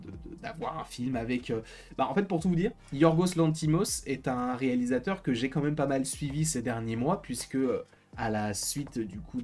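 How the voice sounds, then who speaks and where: A man's voice: mid-range voice, darkish tone. A man giving casual film commentary, hesitant and full of fillers, a bit tired. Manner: hesitant, many fillers and restarts.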